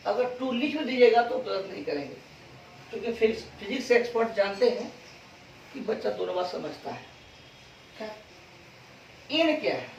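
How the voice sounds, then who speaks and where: A man teaching a physics class, repeating key terms slowly and quizzing students with call-and-response questions. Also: high-pitched, big pitch swings, gravelly, slight background noise. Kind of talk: classroom lecture. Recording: echoey, distant, dull classroom recording.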